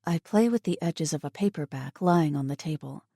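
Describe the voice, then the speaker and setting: A woman with a fairly low voice reads a first-person romance audiobook in steady, measured storytelling. She is recorded close on a studio mic in a dry, dead room. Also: creaky, slightly rough, no room sound. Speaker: audiobook narrator.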